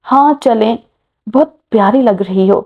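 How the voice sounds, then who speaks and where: A woman's voice: on the high side, unhurried. Easygoing messy young man in an audio novel, read by a woman, muffled sound. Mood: casual. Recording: muffled lo-fi recording.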